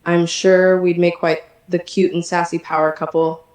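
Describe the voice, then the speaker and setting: A synthetic text-to-speech woman's voice playing a sassy, energetic female poodle chatbot, chatty and teasing. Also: fairly low pitch, moderate pace, reverberant. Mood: playful.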